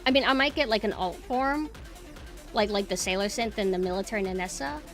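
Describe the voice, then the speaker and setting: This woman, a streamer and VTuber host, talks quite quickly in a medium-pitched, somewhat bright voice. She keeps her live-stream chat casual and informal, musing aloud as music plays in the background.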